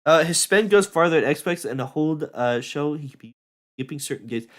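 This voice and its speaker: A young adult man streaming a video game, talking in an excitable, rambling way with many fillers and restarts as he plays. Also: on the high side, normal speed. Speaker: gaming streamer. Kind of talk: live gameplay commentary.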